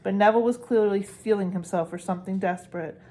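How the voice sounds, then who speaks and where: A woman's voice: mid-range voice, fairly even intonation, quick pace, mellow. Woman reading a storybook aloud. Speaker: narrator.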